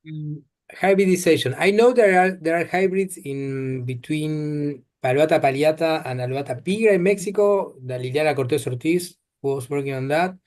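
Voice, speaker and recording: A man with an Argentine Spanish accent answers audience questions after his seminar talk. His voice sits fairly high, and he hesitates, doubling his words as he searches for them. He is speaking over a video call. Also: moderate pace, a little mellow. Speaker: seminar presenter.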